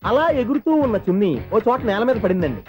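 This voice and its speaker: An actor playing an eager young male writer who pitches a film story in a deferential, breathless way. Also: very animated, fast talker, a little mellow, faint music behind. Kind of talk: film comedy dialogue. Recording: noisy film soundtrack.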